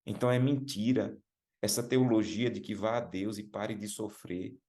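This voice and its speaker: A Brazilian man preaching a sermon, emphatic, repeating key words and calling listeners brothers, slowing to stress lines. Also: fairly even intonation, warm tone. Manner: emphatic, rises in pitch and slows down for stressed phrases.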